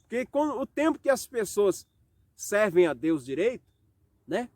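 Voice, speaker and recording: High-voiced Brazilian man preaching a sermon. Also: very animated, a little mellow, no echo. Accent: Brazilian Portuguese. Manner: rhetorical questions, slow dramatic scripture reading. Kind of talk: home worship sermon.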